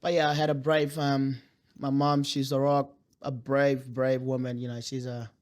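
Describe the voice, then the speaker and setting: A young South Sudanese man, a guest whose first language is Dinka, tells his life story in an interview, full of pauses, fillers and restarts. His voice is medium-pitched with little pitch movement.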